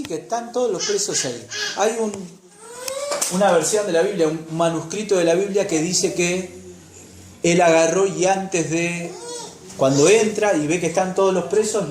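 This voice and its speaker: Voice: mid-range voice, roomy sound, background noise. A preacher with an Argentine Spanish accent, telling a Bible story in a sermon and putting rhetorical questions to the congregation. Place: church.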